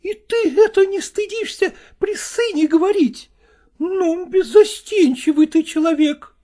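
A woman voicing a sharp-tongued middle-aged wife who scolds her estranged husband in a shrill, needling way. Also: a little slow. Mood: scolding.

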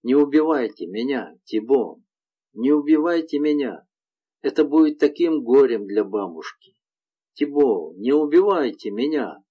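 A man reading aloud voices a frightened, gentle young village woman in a tender, pleading manner. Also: lowish voice, very animated, measured pace, breathy edge, highs cut off, full character voice.

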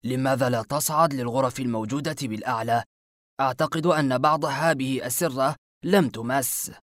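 Cold male torturer, read by the narrator: even mid voice, quiet dry menace. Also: mid-range voice, fairly quick, no echo, close to an everyday voice. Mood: calm.

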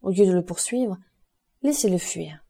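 A woman's voice: lowish voice, lively intonation, normal speed, dark tone, breathy edge. A woman reading the part of a proud, distressed baroness who speaks with pained dignity in an audiobook. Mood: dignified pleading. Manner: dignified, pleading. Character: proud distressed baroness, middle-aged mother.

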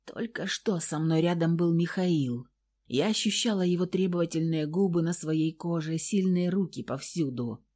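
A woman's voice: lowish voice, normal speed, dark tone. A woman reading a first-person audiobook in a tense, intimate manner. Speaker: audiobook narrator.

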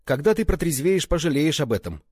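A man's voice: a little high, big pitch swings, brisk, darkish tone, slightly rough, dry recording, studio quality, pitched above the performer's own voice. A man voicing an earnest, caring young man who protects his brother in a spoken story, lifting his voice and pressing his words hard.

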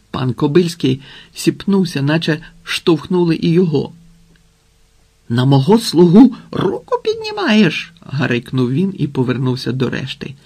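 A man reading a children's adventure novel aloud as a measured, expressive narrator. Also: a little high, husky. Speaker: audiobook narrator. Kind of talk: scripted narration.

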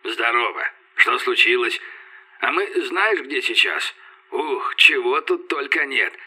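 A flustered, fast-talking young fellow heard over a crackly army radio, as a male narrator puts him on. The voice is harsh and sharp, with a husky, grainy edge. It sounds filtered and distant, as if through a headset. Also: mid-range voice, expressive, exaggerated voice.

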